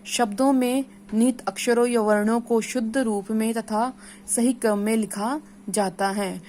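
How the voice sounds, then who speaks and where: A woman's voice: on the high side, steady tone, a little slow, a little mellow, slight background noise. A woman from India, an assistant professor giving a classroom lecture to teacher trainees, stating each point and then repeating it in simpler words. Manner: explains each point, then repeats and restates it in plain terms.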